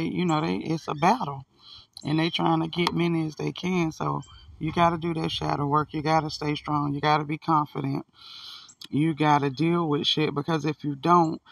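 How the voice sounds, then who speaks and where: A man's voice: fairly high pitch, creaky, dry recording, far from the mic, low-quality recording. A man giving a casual, earnest, folksy motivational chat outdoors, swearing now and then, his speech slightly impaired by a toothache. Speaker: spiritual self-help vlogger.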